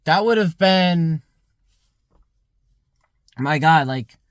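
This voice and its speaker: A man's voice: on the high side, expressive, drawn-out words, clear, resonant tone, dry recording, studio quality. A young man of about twenty musing aloud in a rambling vlog monologue, full of "like" fillers. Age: around 20. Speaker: vlogger. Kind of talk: casual reflective monologue.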